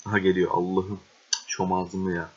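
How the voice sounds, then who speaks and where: A young man giving casual gameplay commentary, swearing and exasperated, with excitable outbursts. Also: low-pitched, normal speed, slightly rough. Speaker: gaming video host. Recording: dull lo-fi recording.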